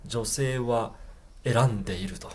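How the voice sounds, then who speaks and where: A Japanese university English teacher giving a pronunciation lesson, slowly repeating English phrases and explaining them in a casual way. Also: medium pitch, slight background noise.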